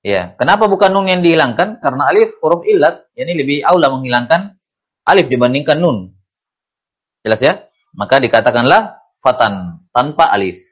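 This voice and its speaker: A man teaching Arabic grammar from a classical text. He reads the Arabic passages slowly, then explains them quickly in Indonesian, asking questions and answering them himself. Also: medium pitch, expressive, breathy edge. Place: study class.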